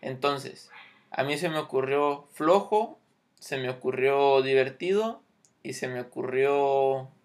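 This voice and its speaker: A man's voice: mid-range voice, slow pace. A man teaching English grammar, explaining patiently and checking in often.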